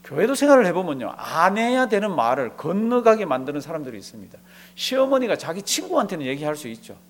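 A man's voice: high voice, very animated, fast talker. A man preaching a sermon as a pastor, asking the congregation rhetorical questions and acting out bits of dialogue as he tells a story.

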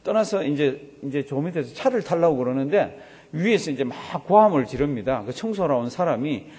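A man's voice: a little high, lively intonation, fairly quick, darkish tone, breathy edge. A man preaching a sermon as a pastor, telling a story and acting out the voices of the people in it. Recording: long hall reverb.

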